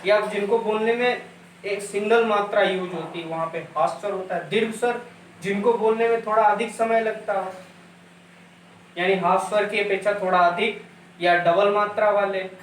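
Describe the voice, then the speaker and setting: A man's voice: high-pitched, fairly even intonation, normal speed, far from the mic. A male teacher giving an exam-prep lecture, repeating points and drilling sounds aloud for his students. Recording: echoey room, voice from afar, faint noise.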